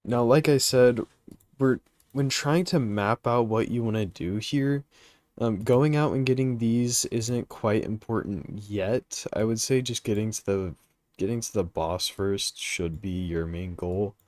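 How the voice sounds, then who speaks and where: Sleepy, slow-talking young man streaming a game. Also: on the low side, darkish tone, dry recording. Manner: hesitant, thinking aloud with many fillers, reads chat questions. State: sleepy, yawning. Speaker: gaming livestream host. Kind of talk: casual live commentary while playing.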